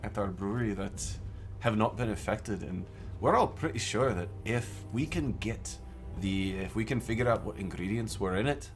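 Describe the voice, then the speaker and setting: Give me a man with a low voice, improvising as game master in a halting, hesitant way. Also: faint music behind. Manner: halting, many restarts and fillers. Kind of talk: improvised character and game narration. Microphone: remote call microphone.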